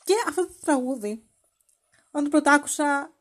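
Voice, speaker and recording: Podcast host, woman, high bright-pitched voice, playful and teasing casual chat. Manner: playful and teasing, acts out quoted lines.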